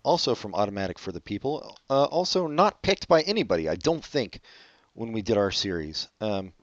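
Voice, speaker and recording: Chatting about music on a podcast he co-hosts, a man talks in a loose, rambling, sing-song way, his pitch and volume leaping up and falling away. His speed is normal, and the recording has no echo but is missing its highs.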